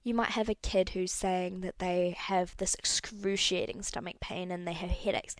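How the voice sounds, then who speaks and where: A woman's voice: fairly low pitch, fairly even intonation, moderate pace, dry recording. A young woman hosting a solo podcast, talking candidly and rambling a little, correcting herself as she goes. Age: young adult. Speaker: podcast host. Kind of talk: casual solo podcast talk.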